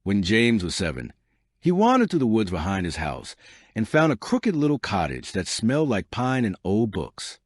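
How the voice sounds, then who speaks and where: Deep-voiced man narrating a bedtime story, expressively. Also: wildly swooping pitch, normal speed, no room sound, studio quality.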